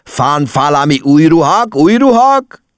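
A man's voice: a bass voice, huge pitch swings, gravelly, breathy edge, no room sound, studio quality, pitched below the performer's own voice, exaggerated voice. A man doing a stern customs officer with a mangled accent. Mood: suspicious. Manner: turns v sounds into f, suspicious and stern. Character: gruff male customs officer speaking broken, foreign-sounding Hungarian.

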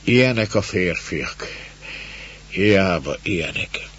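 A world-weary older peasant woman speaks in low, resigned tones, sighing over her words, as a deep-voiced male narrator voices her. The recording is dull, with a faint hum behind her. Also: lively intonation, a bit bright.

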